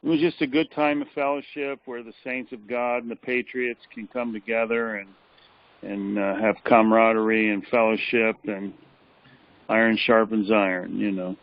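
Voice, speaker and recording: Tired male caller giving a report, low, flat delivery, muffled phone sound. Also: moderate pace, no echo. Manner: flat, hesitant, many fillers. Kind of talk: casual chat. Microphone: telephone. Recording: dull phone line.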